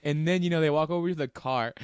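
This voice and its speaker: Young man, fairly high voice, rambling podcast storyteller, dry close sound. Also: clear, resonant tone, dry recording. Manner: rambling, laughs through his stories, many restarts. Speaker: podcast co-host. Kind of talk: casual chat, storytelling.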